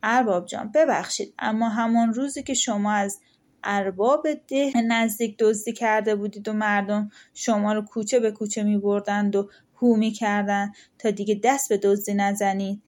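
A woman's voice: medium pitch, steady tone, a little mellow, natural voice. A woman voicing a stubborn, chatty peasant wife who insists on her story in a folktale audiobook. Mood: earnest. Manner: indignant, insistent. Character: talkative stubborn peasant wife, hot-tempered.

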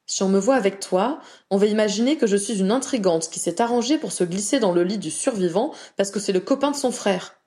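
A woman's voice: mid-range voice, a little fast, few pauses, mellow, close to an everyday voice. A woman voicing a proud, anxious young witch who talks in an earnest, pleading way.

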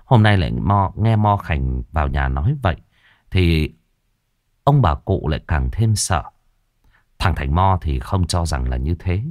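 A man narrating a horror story in a lively, vivid way. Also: no echo, clean studio sound. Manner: lively, vivid telling with varied pitch.

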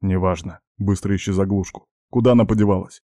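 A man voicing a stern, domineering baritone voice inside someone's head in an audiobook. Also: fairly even intonation, quick pace, mellow, no echo, natural voice. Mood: bossy.

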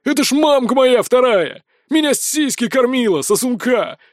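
A man voicing a huge young northern lord who shouts exuberantly. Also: very high voice, very animated, a little slow, no echo, studio quality, pitched above the performer's own voice, full character voice.

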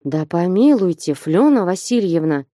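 A woman's voice: lowish voice, animated, measured pace, warm tone, no echo, studio quality. A woman voicing a timid, frightened man who pleads and protests, in a read-aloud story. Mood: pleading. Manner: pleading, plaintive. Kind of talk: audiobook character reading.

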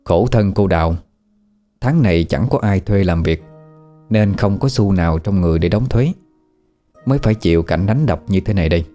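A man narrating a scripted horror story in a steady, somber way. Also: sits low, moderate pace, soft background music.

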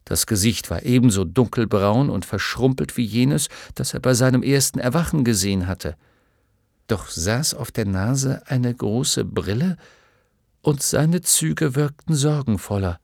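A man narrating an audiobook in a measured storytelling manner, recorded on a studio microphone. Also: mid-range voice, lively intonation, vocal fry, darkish tone, dry recording. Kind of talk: scripted narration.

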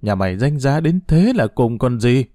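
A man's voice: very animated, moderate pace, warm tone, dry recording, studio quality, natural voice. A man voicing a bitter old mother-in-law in an audio story, cursing and wailing in a raised voice. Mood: furious. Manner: shrill, abusive scolding.

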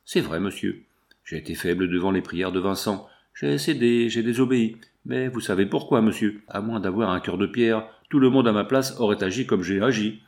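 A man's voice: on the low side, moderate pace, a little mellow, close to an everyday voice. A man voicing a frightened but dignified young widow in an audiobook, pleading in a trembling voice.

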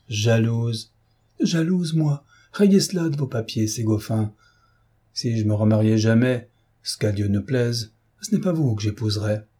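A man's voice: medium pitch, mellow, husky, natural voice. A man doing a scolding, indignant housekeeper. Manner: exclaiming, scolding. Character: indignant middle-aged woman housekeeper.

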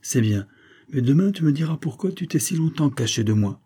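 Un homme qui joue un jeune lieutenant fier et susceptible, au parler formel et raide, dans une nouvelle lue à voix haute. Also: male voice, on the high side, expressive, a little fast, dark tone, breathy edge, pitched above the performer's own voice. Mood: courting. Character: young army lieutenant, proud and touchy.

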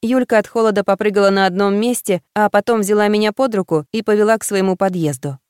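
A woman narrating a first-person audiobook in an expressive manner, voicing the heroine's emotional lines. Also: mid-range voice, fast talker, clear, resonant tone, dry recording, studio quality.

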